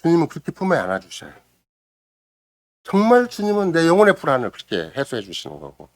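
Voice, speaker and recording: A middle-aged man preaching a Sunday morning sermon, dramatically acting out quotes and swinging between loud exclamation and hushed near-whisper. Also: on the high side, huge pitch swings, fast, dry recording. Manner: acts out quoted voices and prayers dramatically. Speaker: pastor. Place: church sanctuary.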